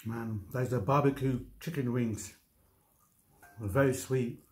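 A man in his thirties giving casual eating commentary in short remarks with pauses, talking as he eats. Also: mid-range voice, steady tone, darkish tone. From United Kingdom. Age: 30s. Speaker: mukbang vlogger. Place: indoors in a home kitchen-diner. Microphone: camera on the table at about arm's length.

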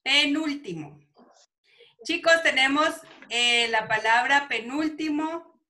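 A woman teacher with a Guatemalan Spanish accent, running an online class for young pupils, calling them affectionate names and reading words out slowly. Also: sits high, lively intonation, pushed and bright. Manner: affectionate, calls pupils "mi amor". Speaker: primary school teacher.

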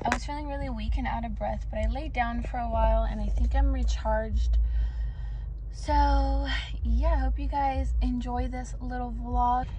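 Female vlogger, 20s, slightly high pitch, informal rambling chat, noisy recording. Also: fairly even intonation, normal speed, muffled recording. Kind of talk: casual vlog chat.

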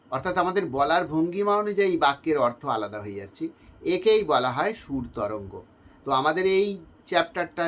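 A male teacher gives an exam-focused lecture, explaining step by step and posing questions he then answers himself. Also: on the high side.

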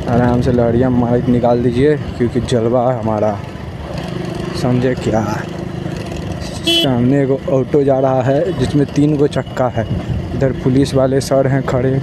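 A young man with a cold, narrating casually from a motorbike on a highway and rambling while asking "samjhe?". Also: little pitch movement, measured pace. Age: young adult. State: has a cold. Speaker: vlogger. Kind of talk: casual moto vlog commentary. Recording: loud road and wind noise. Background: traffic and wind.

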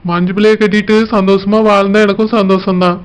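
Gentle, cautious village husband with a Kanyakumari Tamil accent, voiced by a woman, smooth tone. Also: mid-range voice, flat delivery, pitched below the performer's own voice, natural voice. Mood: calm. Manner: gentle, reasoning, slow. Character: calm village husband, cautious and soft-spoken. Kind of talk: village comedy drama.

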